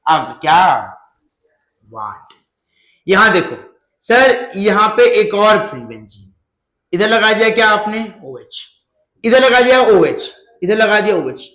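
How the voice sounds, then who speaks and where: A male chemistry teacher giving a lively lecture, asking his students questions and answering them himself, with jokes along the way. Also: high voice, unhurried, reverberant, rough recording.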